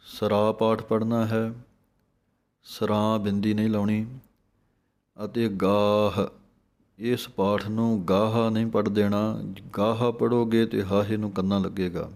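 A man teaching correct scripture pronunciation, slowly chanting each line and then explaining how each letter and sound should be spoken. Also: fairly low pitch, darkish tone. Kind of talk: slow recitation lesson with explanations.

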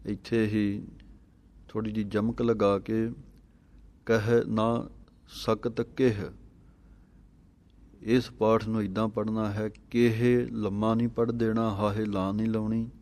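A man teaching the correct pronunciation of scripture, chanting each verse slowly and then explaining it in a measured tone. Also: fairly low pitch, little pitch movement, a little mellow. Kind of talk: slow, careful recitation lesson.

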